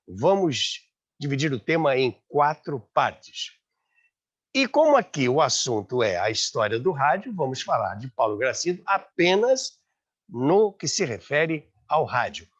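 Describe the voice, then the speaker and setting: A Brazilian man narrates and hosts a scripted radio history documentary, speaking at a measured pace in a high, slightly bright voice with big pitch swings and a breathy edge. His phrasing is emphatic and dramatic, and the slightly dull audio has background music.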